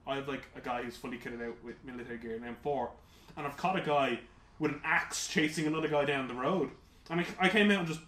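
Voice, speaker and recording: Rambling animated man in a roomy space. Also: on the high side. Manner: rambling, animated storyteller, full of "like"s. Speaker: podcast co-host. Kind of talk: casual gaming chat. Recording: roomy with faint hiss.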